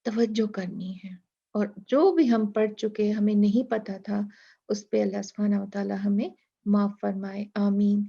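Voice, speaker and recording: A woman teaching Quranic pronunciation, repeating letter sounds and reciting verses slowly and carefully. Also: mid-range voice, steady tone, gravelly, breathy edge, muffled recording. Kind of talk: Tajweed lesson in Urdu.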